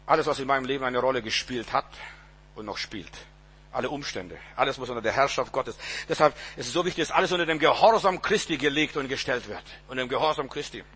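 A man's voice: mid-range voice, lively intonation, fast talker, fairly bright tone, breathy edge. A man preaching a sermon, emphatic and repetitive, often restarting with stammered words, on a radio-style recording.

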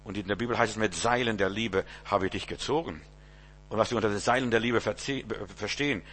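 A man's voice: fairly low pitch, fast, fairly bright tone, slightly rough. A male pastor, around his fifties, giving an informal sermon in a conversational way, with rhetorical asides and stammered repeated words.

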